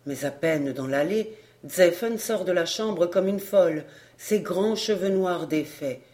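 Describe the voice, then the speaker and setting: A reader narrating a nineteenth-century novel in a measured, solemn way, as an audiobook. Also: medium pitch, darkish tone.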